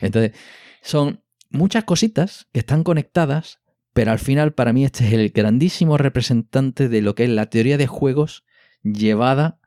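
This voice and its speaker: A man with a Spanish accent from Spain co-hosts a laid-back board game podcast, explaining things with enthusiasm and often tossing in tag questions. His voice sits in the mid range with a dark tone and a moderate pace. The recording is dry and of studio quality.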